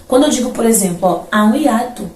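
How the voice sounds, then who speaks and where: A woman teacher, explaining a grammar lesson and repeating example words slowly. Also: on the high side, expressive, a little mellow. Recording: roomy, from a distance, faint background noise.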